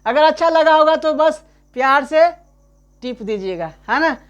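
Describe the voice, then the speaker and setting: A man teaching a grammar lesson in a chatty way, keeps asking "right?", calls the listener his friend, and repeats example sentences slowly. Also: extremely high pitch, expressive, fairly bright tone, lo-fi sound.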